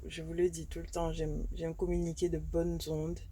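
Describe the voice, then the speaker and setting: A woman's voice: sits low, completely flat delivery, normal speed, background noise. A young woman vlogging casually with a handheld phone in a small apartment, chatting with frequent hesitations and repeated words. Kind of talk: casual self-filmed vlog chat.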